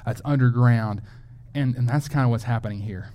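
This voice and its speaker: A man's voice: medium pitch, a little fast, dark tone. A man teaching a Bible lesson in a loose, conversational sermon style, often restarting his phrases as he thinks aloud.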